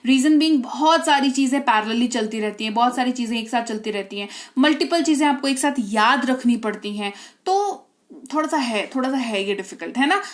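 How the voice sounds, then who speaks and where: A woman's voice: fairly high pitch, animated, normal speed. A woman English teacher explaining spelling and pronunciation rules step by step, often checking with "okay?". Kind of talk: explaining phonics lesson.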